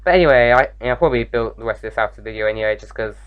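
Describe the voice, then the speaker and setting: A man's voice: mid-range voice, very fast, smooth, lo-fi sound. A man giving casual gameplay commentary, rambling with many fillers and self-mocking jokes, his voice wearing out late at night. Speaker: gaming YouTuber.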